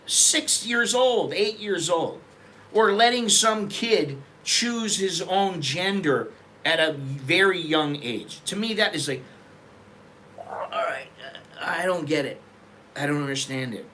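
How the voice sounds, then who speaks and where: A middle-aged man from America talks in a loose, rambling vlog style, blunt and quick to swear. His voice sits a little high and rings bright and forward. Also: lively intonation, a little hiss or hum. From United States. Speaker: vlogger. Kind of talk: casual opinion vlog. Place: living in Bangkok.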